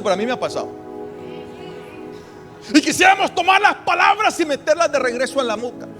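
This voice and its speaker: A male pastor with a strikingly high voice delivers an emphatic sermon. He weaves in personal stories and leans on long, deliberate pauses. Soft music plays faintly behind him. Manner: storytelling, emphatic, with drawn-out pauses.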